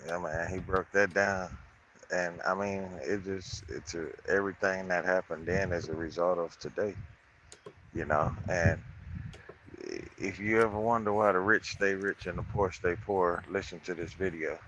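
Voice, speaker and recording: A man's voice: low-pitched, steady tone, moderate pace, fairly bright tone, dull audio, slight background noise. A man taking part as co-host in a casual talk show, laid-back and agreeing.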